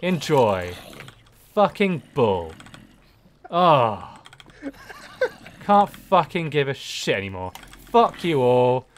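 Animated, sweary young man gaming. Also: mid-range voice, slow, pauses often, slight background noise. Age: young adult. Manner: exasperated, sweary complaining. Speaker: gaming video co-host. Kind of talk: casual let's play chat.

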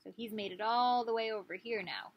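Speaking a little fast in a fairly high voice, a thirtysomething woman acts as a teacher reading a picture book expressively and quizzing young children. The sound is lo-fi, and she's in a small indoor living room.

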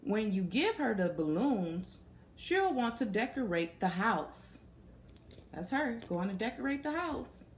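With a slightly high voice full of big pitch swings, a young adult woman reads a picture book to children at an unhurried pace, stopping to ask them questions. The recording, made in a small, plain indoor room, carries a faint hiss or hum.

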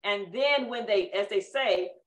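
Bright-voiced woman in an echoey room. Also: medium pitch, measured pace. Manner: reflective, encouraging. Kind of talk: casual group discussion.

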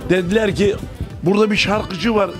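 An older male travel show host with a high voice, boisterous and jokey as he greets everyone. He speaks into a handheld mic in a busy restaurant while music plays clearly behind him. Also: fairly even intonation, moderate pace. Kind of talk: lively roving interviews.

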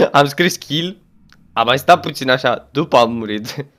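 A man's voice: mid-range voice, expressive, a bit bright. A young man chatting his way through a game as a gaming YouTuber, exclaiming often and talking to the game and a friend. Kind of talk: let's play commentary.

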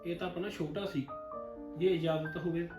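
A man's voice: fairly high pitch, fairly even intonation, normal speed, close to an everyday voice. A man playing a newlywed groom who keeps getting interrupted and snaps at his younger brother, in a roomy recording with music. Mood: irritated. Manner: annoyed, snapping. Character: flustered newlywed groom, short-tempered. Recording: roomy film audio with music.

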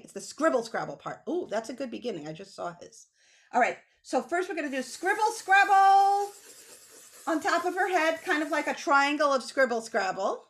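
This high-pitched middle-aged woman, a children's author and illustrator, leads kids through a drawing lesson with animated, simple explanations and emphatic words. She's on a video call from a small home room with bookshelves, heard through a computer mic.

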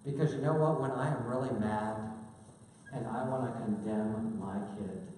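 A man preaches earnestly, moving between hushed and impassioned stretches. His voice sits in the middle range and lands from well back of the mic. Long, echoing reverb from a large church hall fills the space under faint room noise. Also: on the low side, normal speed. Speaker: pastor. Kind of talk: sermon. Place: church sanctuary. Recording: echoey hall, distant mic, faint ambience.

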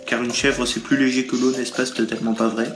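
A man's voice: medium pitch, little pitch movement, fast. A man giving playful, joking commentary while playing a mobile game, recorded on a tablet's built-in mic, with lots of hesitations. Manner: playful, jokey, frequent hesitations. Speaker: gaming YouTuber. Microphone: tablet mic through game-recording app. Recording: roomy sound over game music.

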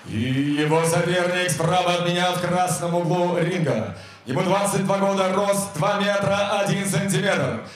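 Male boxing announcer, mature, high ringing voice, theatrical drawn-out introductions, echoing arena PA. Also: a little hiss or hum. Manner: formal, theatrical, booming delivery. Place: fight ring in a covered arena. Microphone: handheld microphone.

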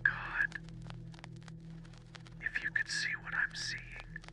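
A man's voice: extremely slow, over music. A man voicing a terrified explorer trapped in a crypt, whispering shakily over a telephone line and pleading in fear. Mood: awed whisper. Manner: shaky, fearful whispering that rises to frantic pleading.

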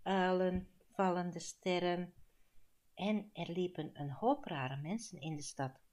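A woman's voice: lowish voice, darkish tone. A Flemish woman reading an audiobook, voicing a timid middle-aged husband who stumbles and hesitates as he speaks. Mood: nervous. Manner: hesitant, halting, with fillers.

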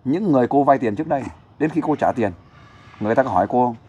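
A male host talks at a brisk clip in a middle-pitched voice. He is blunt and talkative, coaxing his guest along in a casual interview. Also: lively intonation, mellow, breathy edge, highs cut off.

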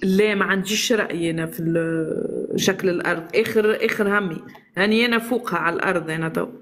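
A woman's voice: fairly low pitch, quick pace, fairly bright tone. A woman calling into a live stream, teasing and mocking the host. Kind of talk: heated live stream debate.

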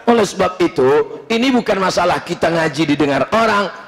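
A man preaching a humorous, lively sermon in a mosque, with bursts of shouting. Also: sits high, fairly quick, gravelly. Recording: long reverb in mosque hall.

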